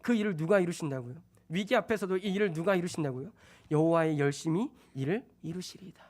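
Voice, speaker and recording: A young man delivers a Friday night sermon as a junior pastor. His delivery is animated and conversational. He slips into acted-out voices and adds light jokes between the points of his message. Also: sits high. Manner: lively, acts out dialogue in quoted voices, joking asides. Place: church sanctuary.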